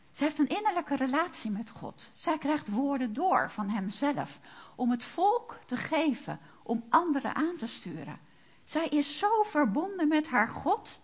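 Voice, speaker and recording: A woman delivers a sermon in a husky, rather high voice. Her pitch rises and falls widely as she puts question after question to the congregation. The recording sounds dull and lo-fi. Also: a bit bright. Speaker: preacher.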